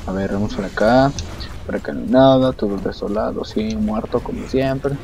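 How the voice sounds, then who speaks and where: A man's voice: mid-range voice, moderate pace, vocal fry, dark tone, lo-fi sound. A man with a Mexican accent giving crude, joking let's-play commentary while he plays. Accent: Mexican Spanish. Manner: crude, profane, joking banter. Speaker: gamer streamer.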